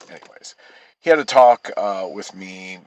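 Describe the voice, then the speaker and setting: A man's voice: deep voice, rough recording. A man telling a rambling personal story in casual speech, swearing often and restarting sentences. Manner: rambling, profane, with frequent halting restarts. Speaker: vlogger.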